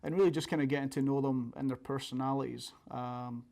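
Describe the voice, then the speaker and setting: Male coach, thick Scottish accent, medium pitch, level intonation, informal interview delivery. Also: fairly even intonation, brisk, gravelly, warm tone. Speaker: college soccer coach.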